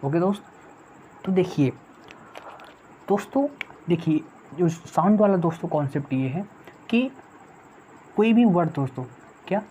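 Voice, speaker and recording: A woman's voice: on the low side, animated, measured pace, long pauses, mellow. A woman teaching an online exam-prep English lesson. She repeats herself often, calls the viewers friends, and asks questions she then answers. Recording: dull lo-fi audio with faint noise.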